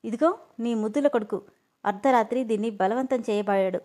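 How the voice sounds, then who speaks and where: An older head of the family, furious and commanding, put on by a woman reading a story aloud. The voice stays fairly high and comes out in angry bursts. It plays as a spoken family story. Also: fairly quick, darkish tone, close to an everyday voice. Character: stern older man, the angry head of the household.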